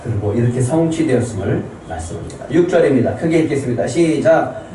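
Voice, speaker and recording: Man pastor preaching, mellow voice, big echo, mic kinda far off. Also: mid-range voice, animated, quick pace, a little hiss or hum. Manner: calls out to the congregation, reads scripture aloud with them. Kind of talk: sermon. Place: church sanctuary. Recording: echoey church hall from far off.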